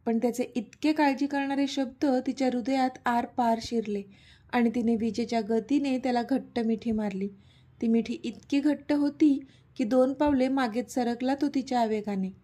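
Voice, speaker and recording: A woman storyteller reads a romance serial aloud at a steady, even pace. Her voice is mellow and warm, pitched a little high for a woman. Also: moderate pace. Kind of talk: scripted narration of a romance serial.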